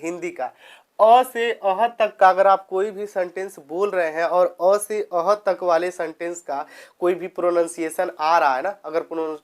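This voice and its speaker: A male tutor giving an exam-prep grammar lesson. He keeps asking his listeners questions and then answering them himself. When he reads an example sentence aloud, he slows right down and says each word with care. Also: high voice. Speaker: teacher.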